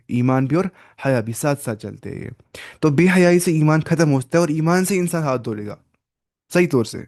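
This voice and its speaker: A man teaching a Quran lesson, reciting Arabic phrases slowly and then explaining them in Urdu with English words mixed in, his delivery emphatic, rising and falling. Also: medium pitch, gravelly, a little mellow.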